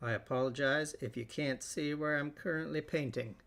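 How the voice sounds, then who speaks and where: A man hosting a live painting stream, talking through each step in a relaxed way as he works. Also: on the high side, normal speed, vocal fry. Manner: relaxed, thinking aloud while working. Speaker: host.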